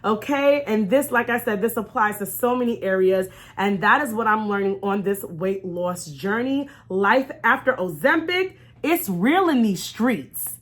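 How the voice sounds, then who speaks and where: This vlogger and life coach speaks with a medium pitch, animated but a little slow, with few pauses. She tells an encouraging, faith-based storytime directly to her viewers, emphatic and repeating her key phrases.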